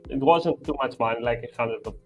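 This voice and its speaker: A hesitant young man from Albania speaks in a mid-range voice, with faint music behind him. He's a guest in a casual chat. He pauses often with "uh" and uses slightly broken English.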